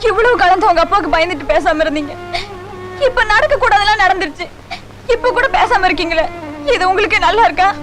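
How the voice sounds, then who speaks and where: A woman's voice: extremely high pitch, brisk. An actress playing a heartbroken young wife who begs her husband through tears, in a film soundtrack with music. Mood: tearful. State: crying. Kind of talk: film drama dialogue.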